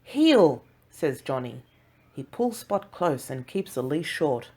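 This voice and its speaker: Low-voiced woman reading a children's story. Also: lively intonation, a little slow, a little mellow. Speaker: audiobook narrator.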